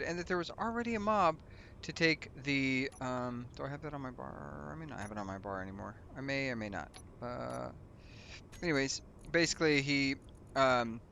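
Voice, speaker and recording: A man hosting a let's play in an easygoing, rambling way, wandering off into asides and poking fun at himself. His voice sits at an ordinary middle pitch. A faint steady noise runs under the recording. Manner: rambling and chatty, loose asides and self-mockery. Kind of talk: casual gaming commentary.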